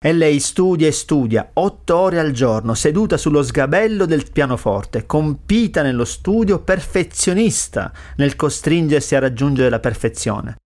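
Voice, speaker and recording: A man hosting a radio show, narrating in an expressive storytelling manner. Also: a little high, normal speed, few pauses. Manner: expressive storytelling, dramatic reading of lyrics. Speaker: radio host.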